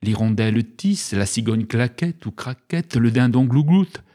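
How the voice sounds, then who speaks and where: A man's voice: medium pitch, lively intonation, a little slow, dark tone. A man giving a comic radio chronicle in a mock-solemn, pompous manner, like a presidential address, with playful mock-learned wordplay. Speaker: radio humor columnist.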